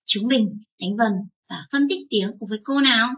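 A woman teaching young children, spelling out sounds slowly and drawing out each syllable. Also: fairly high pitch, recorded from a distance, dull audio. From Vietnam. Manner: slow, drawn-out spelling aloud. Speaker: first-grade teacher.

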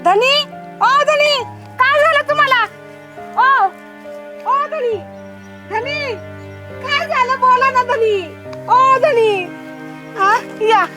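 A woman's voice: very high voice, a little slow. A woman playing a devoted farmer's wife, pleading with and soothing her husband again and again. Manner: pleading, soothing, repeats "dhani". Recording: music playing behind. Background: music.

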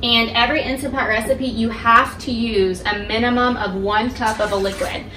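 A young woman giving a step-by-step cooking demonstration in her home kitchen, explaining each step clearly to the viewer. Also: a little high, steady tone, normal speed, sharp tone, far from the mic. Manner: clear, instructive, addresses viewer directly. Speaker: cooking instructor. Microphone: camera across the kitchen. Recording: echoey kitchen, voice from off-mic, household noise.

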